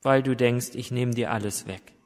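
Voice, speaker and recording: A man voicing Jesus as a gentle grown man who asks soft, pleading questions. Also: mid-range voice, moderate pace, pitched below the performer's own voice, natural voice. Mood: tender. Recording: long hall reverb.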